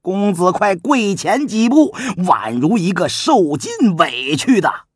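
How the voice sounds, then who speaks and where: Male audiobook narrator for history, slow and very lively, slightly husky, dry close recording. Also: high voice, dry recording.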